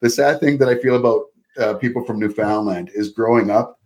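Talking briskly in a fairly low, darkish voice, this Canadian man is a guest on a podcast recorded over video call. He's chatty and quick to laugh, leaning heavily on fillers like "like" and "you know."

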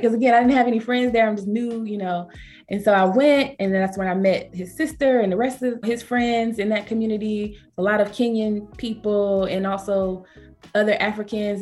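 A woman with a Southern accent tells travel stories in an easygoing interview. She leaps up in pitch to act out what others said, keeping the talk lively. Soft music plays faintly behind her. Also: moderate pace. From Georgia, USA. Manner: animated, acts out quoted speech with pitch jumps. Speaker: travel company founder, interview guest. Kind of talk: conversational storytelling interview.

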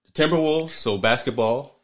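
A man co-hosting a casual sports podcast, talking in a thoughtful, measured way and often restarting his phrases. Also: medium pitch. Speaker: podcast co-host.

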